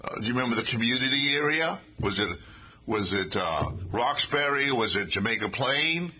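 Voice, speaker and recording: An older man hosting a casual interview, asking questions in a warm, encouraging way and praising the answers. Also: mid-range voice, lively intonation, normal speed, breathy edge. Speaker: talk show host.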